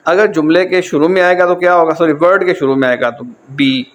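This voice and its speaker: A man's voice: fairly high pitch, steady tone, lo-fi sound. A man with a Pakistani accent teaching a German lesson in a casual, repetitive style, going back over each point again and again. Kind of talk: casual lecture.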